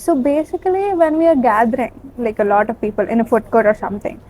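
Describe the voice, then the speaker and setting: A woman's voice: fairly high pitch, lively intonation, very fast, a little mellow, a little hiss or hum, poor audio. A young adult Indian woman with a Telugu accent, chatting casually and mixing in Telugu phrases. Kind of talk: casual chat.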